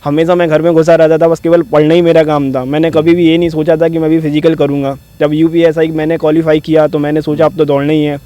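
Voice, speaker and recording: A young man tells his story in a soft, mellow voice that stays flat in pitch. He speaks plainly and quietly, a student recounting how he got through. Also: quick pace, hardly any pauses, no echo. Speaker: student at a police exam academy.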